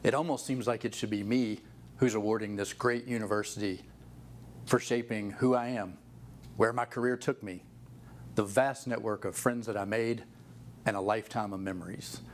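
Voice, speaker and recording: A man's voice: on the low side, fairly even intonation, moderate pace, slight background noise. A man in his fifties giving a prepared acceptance speech as an award recipient. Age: 50s.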